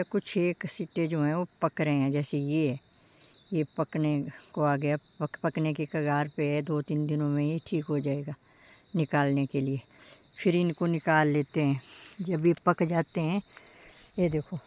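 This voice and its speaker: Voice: medium pitch, darkish tone, a little hiss or hum. A village vlogger from talks casually outdoors among small crop beds, pointing things out and repeating "look at this" as they show the plants. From Uttarakhand, India. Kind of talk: casual walk-around farm vlog.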